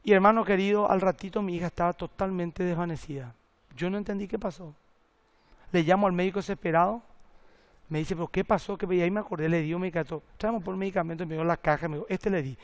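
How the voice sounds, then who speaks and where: A middle-aged man, a pastor preaching a sermon and telling lively stories with acted-out quotes and jokes. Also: high voice, quick pace. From Paraguay.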